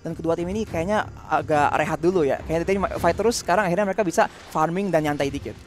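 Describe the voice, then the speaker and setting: Fast, high-voiced male Indonesian esports commentator. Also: faint music behind. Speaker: esports shoutcaster. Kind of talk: live game commentary with analysis.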